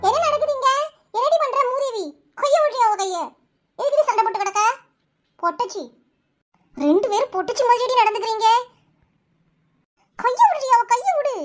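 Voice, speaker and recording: A woman's voice: very high-pitched, lively intonation, pitched above the performer's own voice. A woman with a Kanyakumari Tamil accent voicing a village mother who scolds her two grown daughters in a cartoon. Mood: scolding. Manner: sharp, fast scolding. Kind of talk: cartoon voice acting.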